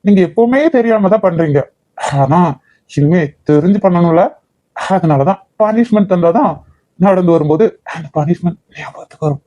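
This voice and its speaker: A man's voice: sits high, normal speed, mellow, no room sound, highs cut off, lightly acted. A young man voicing a playful, teasing husband in a cartoon. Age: young adult. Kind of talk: cartoon voice acting.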